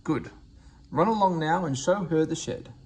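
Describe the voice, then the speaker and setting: A man voicing a brisk, authoritative railway boss in a storybook, formal and commanding. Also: a little high, darkish tone, voice pushed up, close to an everyday voice. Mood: brisk instructing. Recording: faint background noise.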